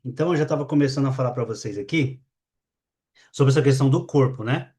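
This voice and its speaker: A man with a Brazilian accent leading a live online class, talking to his audience in a lively, demonstrative way and shifting his energy on purpose. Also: medium pitch, fast talker. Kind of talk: live webinar talk to an audience.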